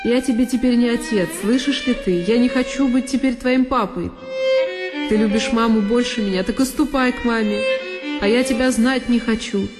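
A woman's voice: on the high side, normal speed, in a large hall, natural voice. A woman voicing an agitated, bitter father who reproaches his young daughter in a feverish, half-whispered way. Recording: violin music underneath.

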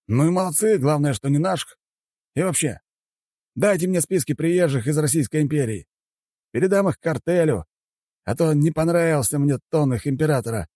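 An arrogant ruler who sneers and scoffs at anyone who bothers him, as a male audiobook reader puts him on. The voice sits well above the reader's own pitch and swings widely. It has a mellow, dry tone. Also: dry recording. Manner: mocking, dismissive, shouting at times. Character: arrogant, scornful male head of state. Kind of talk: audiobook character voice.

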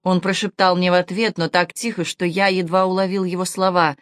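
A woman narrating a historical novel as an audiobook, measured, unhurried and expressive, close to the mic. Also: fairly low pitch, smooth, dry recording. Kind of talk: scripted literary narration.

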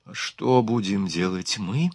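A man voicing a frightened young woman who speaks in a hushed, anxious way, in an audiobook. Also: medium pitch, normal speed, dry recording, clean studio sound. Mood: anxious whisper.

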